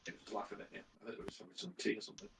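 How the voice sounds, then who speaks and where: A man playing in a group game, talking casually and haltingly over a poorly placed headset mic. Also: background noise. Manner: halting, repeats words. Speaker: player. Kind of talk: casual voice-chat talk. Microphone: poor headset mic far from the mouth.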